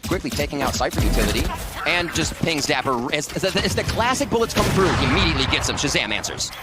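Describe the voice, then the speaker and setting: A man working as an esports caster, giving excited commentary on a match as it unfolds. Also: fairly high pitch, fast, loud music behind the voice.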